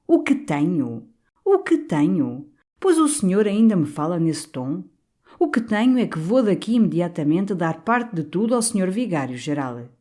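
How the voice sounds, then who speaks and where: A woman's voice: low voice, expressive, unhurried, few pauses, warm tone. A woman voicing an old, stout, blustering canon priest who bellows in outrage, for an audiobook. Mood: furious.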